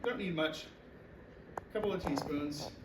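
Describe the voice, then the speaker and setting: Man, chemistry lecturer, casual storytelling, slightly high voice, echoey hall, distant mic. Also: a little slow, heavy background noise. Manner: casual, rambling, anecdotal.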